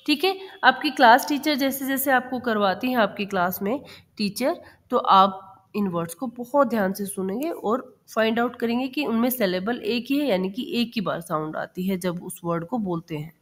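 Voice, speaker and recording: A woman teacher explaining a children's textbook lesson, reading English lines slowly and then explaining them in Hindi mixed with English, repeating words aloud. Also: a little high.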